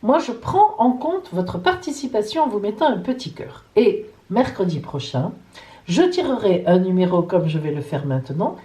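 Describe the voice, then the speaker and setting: A woman hosting her own astrology vlog in a casual, chatty way. Her voice is warm and mellow, and her pitch rises and falls in lively swoops. She talks playfully, dropping little jokes as she goes. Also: rough recording. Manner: chatty, playful, jokey asides. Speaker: psychic astrologer.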